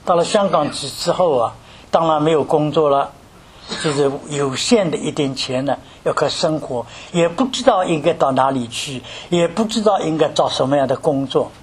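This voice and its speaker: Older male preacher from mainland China, high voice, asks rhetorical questions, animated delivery. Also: moderate pace. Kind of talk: sermon with personal story.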